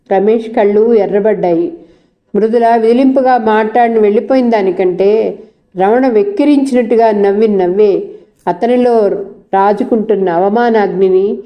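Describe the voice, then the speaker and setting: A woman narrating a novel in a steady storytelling manner. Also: a little high, lo-fi sound.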